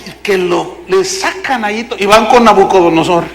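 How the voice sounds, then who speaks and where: A man's voice: high-pitched, moderate pace, creaky, a bit bright, a little hiss or hum. A man preaching a sermon, telling stories dramatically and acting out the characters. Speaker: pastor. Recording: long hall reverb.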